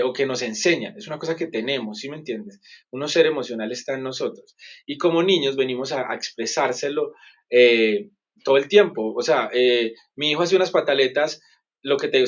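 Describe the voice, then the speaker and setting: A man's voice: medium pitch, highs cut off. A man, a psychologist guest in a conversational interview, explaining earnestly and asking "¿sí me entiendes?" often. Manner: earnest, explanatory, self-correcting.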